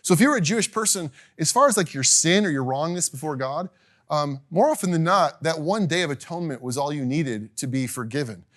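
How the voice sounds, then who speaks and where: A middle-aged man teaching a casual class, chatty and animated, acting out little quotes and laughing now and then. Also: on the high side, a little fast.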